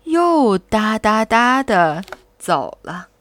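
A woman reading a children's picture book aloud in a slow, gentle, expressive way. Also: on the high side. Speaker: storyteller. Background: soft music.

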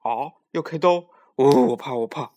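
A man's voice: medium pitch, normal speed, darkish tone, muffled recording, natural voice. A man voicing a whiny cowardly pig spirit. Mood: scared wailing. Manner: wailing and whining.

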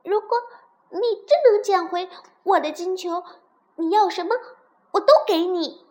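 A woman's voice: extremely high pitch, measured pace, pitched above the performer's own voice. A woman voicing a spoiled, haughty little princess in a storybook, petulant and disdainful. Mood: eager.

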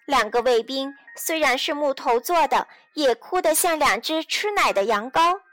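A woman's voice: high voice, animated, moderate pace, a bit bright. A woman narrating a children's audio storybook, speaking directly to young listeners.

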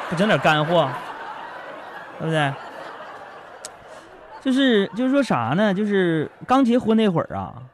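A man's voice: high voice, sing-song, a little slow, pauses often, a little hiss or hum. A man hosting a radio show, telling comic stories about his marriage in a chatty, joking manner, speaking straight to his listeners. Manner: chatty, jokey, addresses listeners directly. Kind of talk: comic monologue.

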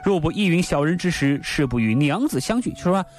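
A man's voice: on the high side, animated, fairly quick. A man co-hosting a radio show, telling and commenting on a classic story in colloquial language with rhetorical questions. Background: faint music.

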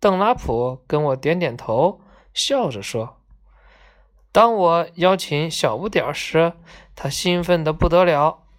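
A woman reading a children's storybook aloud, gently voicing each character in turn. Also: low voice, lively intonation. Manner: slow, gentle, acts out each character's lines.

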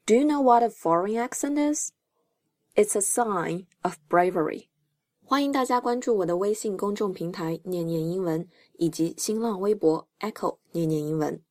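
A woman's voice: lowish voice, moderate pace, no room sound, studio quality. A woman English teacher hosting a podcast, explaining terms step by step in an encouraging, scripted lesson.

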